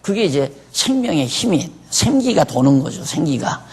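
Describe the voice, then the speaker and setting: A man's voice: on the high side, sing-song, normal speed, darkish tone, breathy edge. A man preaching a sermon in a conversational way, often asking his listeners questions. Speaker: pastor.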